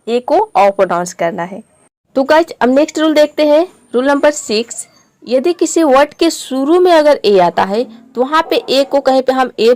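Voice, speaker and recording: Patient woman teacher, pitched a little high, dry and close, repeats every example word. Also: a little mellow, no echo. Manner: patient, explains step by step and repeats words. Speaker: English pronunciation teacher. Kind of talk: classroom-style video lesson.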